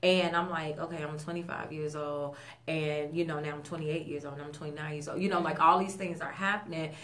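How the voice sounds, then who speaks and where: A woman in her thirties with a low-pitched voice speaks earnestly on a radio talk show. She talks in a conversational way, with plenty of fillers and restarts. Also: steady tone, a little fast, fairly bright tone. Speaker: guest, stroke survivor.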